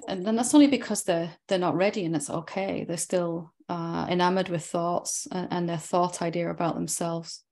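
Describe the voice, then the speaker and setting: Woman teacher leading a satsang, gravelly and lower-pitched, reflective and gently probing. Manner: reflective, gently probing, ends points with tag questions. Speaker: spiritual teacher. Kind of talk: satsang dialogue with a student.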